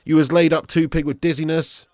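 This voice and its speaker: A British man doing live football watch-along commentary and chatting casually with viewers in an animated, blokey, sweary, matey way. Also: on the high side, fairly quick, no echo, clean studio sound. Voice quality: raspy, smoker's laugh.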